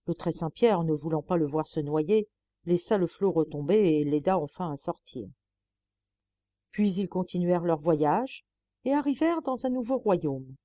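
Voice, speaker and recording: A woman reading a fairy tale aloud in an expressive, animated storybook narration. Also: on the low side, normal speed, no echo. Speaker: audiobook reader.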